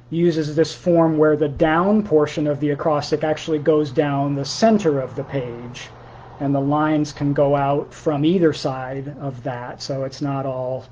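A man with a measured, deliberate delivery that leaves pauses, speaking as a poet sharing his own work in an informal setting. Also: medium pitch, dark tone, lo-fi sound, a little hiss or hum. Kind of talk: slow poetry reading with informal spoken commentary.

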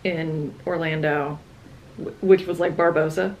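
A woman's voice: low voice, steady tone, a little slow, darkish tone, low-quality recording. A young woman in her twenties chatting casually on a travel vlog, tired and a little playful, trailing off into laughs. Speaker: travel vlogger. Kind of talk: casual chat.

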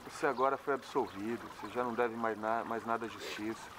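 An actor with a Brazilian accent playing a worried, supportive friend in a telenovela. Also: male voice, medium pitch, fairly even intonation, fast, noisy background, close to an everyday voice. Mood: reassuring. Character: worried, supportive male friend afraid of losing his love. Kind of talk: telenovela acting. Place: outdoors beside a fountain. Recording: splashing fountain water behind voice.

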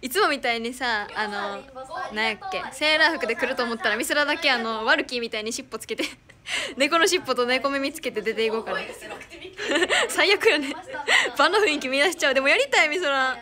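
Giggly high-voiced woman with Kansai accent. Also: lively intonation, brisk, crowd noise. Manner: giggly, reads fan comments and thanks them. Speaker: idol streamer. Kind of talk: casual live stream chat.

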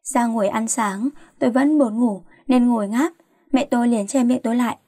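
Woman, late-night story narration, fairly high voice, dry close mic. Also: moderate pace, mellow, no echo.

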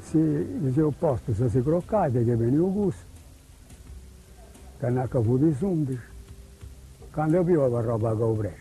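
An older man with a Sardinian accent recalls his youth in a rambling, halting way. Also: mid-range voice, lively intonation, mellow, faint music behind, rough recording.

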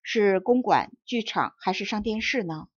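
A woman's voice: mid-range voice, moderate pace, breathy edge, no room sound. A woman reading as a polite old tailor who speaks respectfully to his small customers. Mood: courteous. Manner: courteous, flattering. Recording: dull dry audiobook recording.

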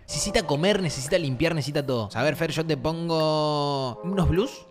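A man's voice: a little high, moderate pace. A man with an Argentine accent, joking and teasing as he commentates a life-simulation game on a stream. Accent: Argentine Rioplatense Spanish. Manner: playful and teasing, with animated swings in tone. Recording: game music playing behind the voice.

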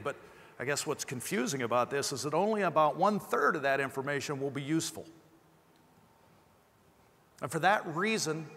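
On a large indoor conference stage, a middle-aged company presenter with a slight lisp gives his keynote through a clip-on lapel mic. His voice is fairly high-pitched and fairly bright, echoing through an amplified hall with long reverb.

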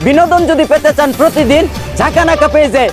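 High-pitched Bangladeshi parody news anchor played by a man. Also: a little fast, over music. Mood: mock-solemn. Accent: Bangladeshi rural colloquial. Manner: mock-solemn, rhyming, theatrical announcing. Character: bombastic male parody news anchor of a village comedy channel. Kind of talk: parody news bulletin in rhyming satire.

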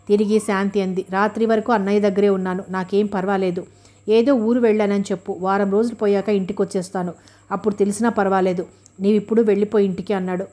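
A woman's voice: medium pitch, dark tone. A woman narrating an audiobook of a novel, reading every character's lines in her own voice.

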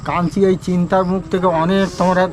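A man answering softly and tearfully outdoors in a village. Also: high-pitched, level tone, fast talker. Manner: quiet, soft, tearful. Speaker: recovering father.

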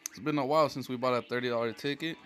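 A man's voice: mid-range voice, racing, a bit bright. A man giving casual, slangy, slightly impatient commentary in a home video. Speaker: vlogger filming lottery scratching.

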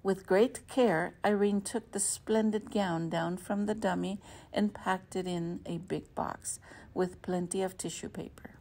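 A woman teacher reading a picture book aloud to children, expressive and friendly. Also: medium pitch, measured pace. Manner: warm, expressive storytelling to children.

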